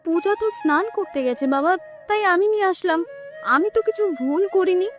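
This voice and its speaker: A meek, high young daughter-in-law. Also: female voice, a little fast, soft background music. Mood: pleading. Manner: soft, pleading. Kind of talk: cartoon voice acting.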